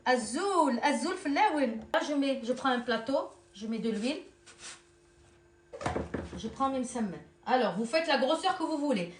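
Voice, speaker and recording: A woman hosts a cooking channel from her home kitchen, speaking with a Tunisian accent in a high, expressive voice at a normal pace with long pauses. She keeps things chatty and affectionate, treating viewers like her daughters and children and calling them girls and children. The sound is echoey, with faint noise in the background.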